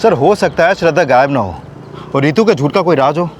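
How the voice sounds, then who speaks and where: An actor as a brisk, dutiful police deputy. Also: male voice, fairly high pitch, animated, soft background music, close to an everyday voice. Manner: brisk, reporting.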